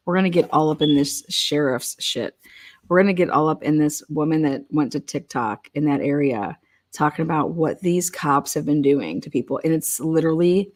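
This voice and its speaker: Female livestream host, low-pitched voice, casual commentary, brash and excitable with plenty of swearing.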